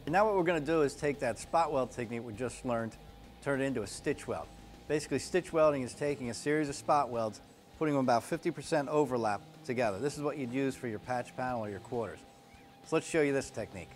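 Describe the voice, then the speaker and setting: A welding instructor in his forties gives an instructional demonstration in an indoor workshop garage studio, explaining each step plainly and practically. He talks fast in a medium pitch, with faint music behind him.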